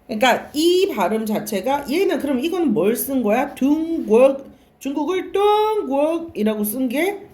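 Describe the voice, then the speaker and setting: A woman's voice: high-pitched, very animated, moderate pace, few pauses, darkish tone. A woman teaching a classroom lecture, asking questions and answering them herself, and repeating and stretching key words. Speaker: Korean language teacher.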